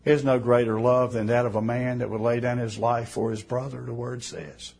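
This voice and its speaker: A man preaching a sermon in a fervent way, rising to emphatic bursts and then dropping soft. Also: medium pitch, flat delivery, moderate pace, gravelly, breathy edge.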